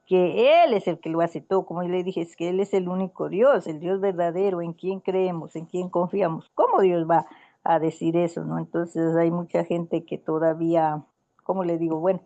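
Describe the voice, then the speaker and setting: A woman's voice: lowish voice, steady tone, normal speed, warm tone, dull audio. A woman in a casual Bible study conversation, telling a story in an earnest, rambling way with many restarts.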